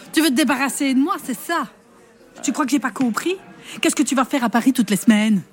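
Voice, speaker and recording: An actress voicing an ailing, jealous older wife with a Namur-Liège Belgian accent, speaking in reproachful, pleading tones. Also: female voice, high-pitched, fairly quick, voice pushed up, close to an everyday voice. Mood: bitter reproach. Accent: Namur-Liège Belgian put on.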